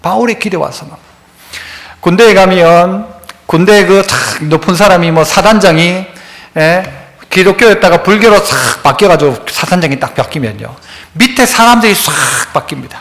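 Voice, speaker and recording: A man's voice: high voice, normal speed, fairly bright tone. A man preaching a sermon as pastor, telling stories and acting out the voices of the people in them. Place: church sanctuary. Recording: echoey church hall.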